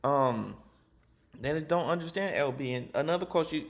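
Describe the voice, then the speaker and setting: Passionate man with a gravelly voice. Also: a little high, moderate pace. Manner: passionate, emphatic. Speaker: teacher. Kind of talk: spoken personal reflection.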